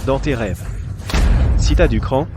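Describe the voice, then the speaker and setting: A man's voice: medium pitch, animated, unhurried, music in the background, natural voice. Casting: a man as heroic healer, fiercely protective and defiant, average male register, urgent fantasy drama lines over score. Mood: angry defiant. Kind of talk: dubbed fantasy short drama acting.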